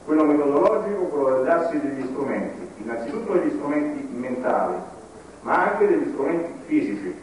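A man giving a conference talk in a deliberate, halting way, often restarting his phrases. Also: a little high, expressive, a little mellow, a little hiss or hum. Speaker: conference speaker. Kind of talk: public lecture. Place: conference hall. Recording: echoey hall recorded from a distance.

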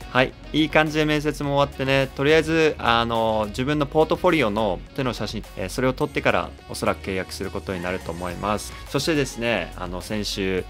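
A man's voice: lowish voice, fairly bright tone. A man in his thirties narrating his week in a casual vlog, chatty and self-deprecating. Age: 30s. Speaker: vlogger and actor.

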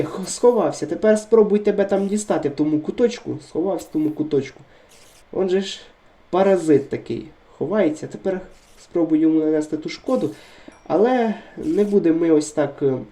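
A gaming video creator gives let's-play commentary in a steady chatter, his high voice sounding worn by illness, with a mellow, dark tone. He shifts between calm talk and bursts of urgency, turning excitable and repeating short words when the action heats up.

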